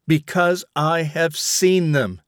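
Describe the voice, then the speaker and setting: A man's voice: medium pitch, expressive, a little slow, no echo, clean studio sound, lightly acted. A man reading aloud as a haunted young rebel who tells his ordeal in earnest, dramatic first person. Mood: vehement. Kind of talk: audiobook reading.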